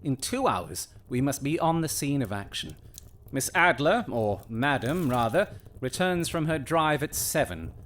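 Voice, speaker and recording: An animated, commanding Sherlock Holmes. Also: male voice, medium pitch. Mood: intent, commanding. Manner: theatrical, deliberate, formal diction. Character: Sherlock Holmes, shrewd, commanding Victorian gentleman detective. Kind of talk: period audio drama acting.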